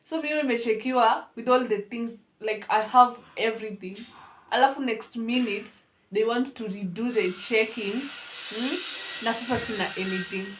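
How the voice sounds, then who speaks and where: A young woman with a Kenyan accent telling a school story on her vlog in an animated, dramatic way. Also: a little high, moderate pace, reverberant, slight background noise. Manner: animated, dramatic, code-switching. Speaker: vlogger.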